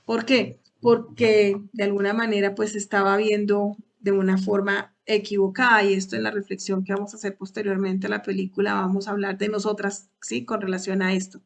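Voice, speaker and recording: A woman's voice: medium pitch, flat delivery, brisk, creaky, hardly any pauses. A woman leading a Bible study talk for women, hesitant at times, repeating words and asking rhetorical questions.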